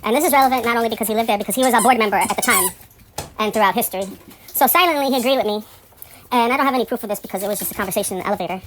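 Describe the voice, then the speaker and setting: A woman speaks very fast over a faint hiss or hum, spinning a rambling, cursing story of indignation, her voice jumping high and loud in her outraged moments.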